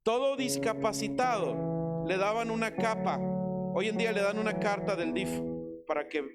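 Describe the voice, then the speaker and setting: Man, Mexican accent, pastor's sermon, high voice, loud guitar playing underneath. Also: moderate pace. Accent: Mexican Spanish. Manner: lively storytelling preaching, acts out shouted quotes. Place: church. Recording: loud guitar music behind.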